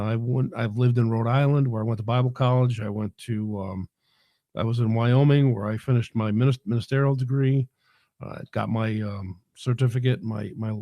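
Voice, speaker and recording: A man's voice: mid-range voice, dark tone, no echo, dull audio. A middle-aged man from New York with a New York accent, hosting a casual livestream while getting over a head cold in his throat, rambling with many fillers and restarts. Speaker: livestream host and minister.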